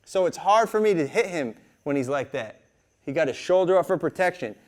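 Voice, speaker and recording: A man's animated, fairly quick, slightly mellow voice guides boxing drills hands-on in a gym, with gym noise clearly audible. He repeats himself informally, keeps tagging lines with "right?", and punctuates instructions with sounds like whoop, bang and boom.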